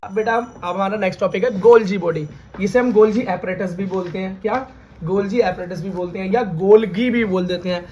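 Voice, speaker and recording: A man's voice: sits high, fairly even intonation, brisk, darkish tone, dull audio, a little hiss or hum. A man teaching biology in Hindi, who quizzes students by repeating key terms as questions and calls them "beta". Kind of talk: classroom lecture.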